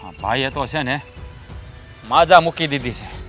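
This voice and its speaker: An actor playing the headman's conciliatory younger brother, who speaks calmly and earnestly. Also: medium pitch, unhurried, faint music behind, lightly acted. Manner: calm, soothing, earnest. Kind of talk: village family stage drama.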